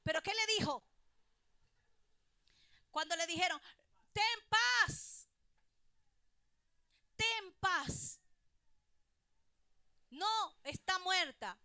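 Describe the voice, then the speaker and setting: A woman pastor delivers a sermon in a high, bright voice at an unhurried pace. She speaks straight to her listeners and repeats phrases for emphasis. The sound is dry and close. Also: dry recording. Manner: preaching with rising and falling emphasis, addresses listeners directly.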